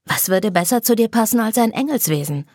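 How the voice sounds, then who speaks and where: Gentle vampire boy, woman narrator doing him, soft and calm, breathy, dry. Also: fairly high pitch, a little fast, dry recording, pitched above the performer's own voice. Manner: gentle, soothing. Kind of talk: storybook read-aloud.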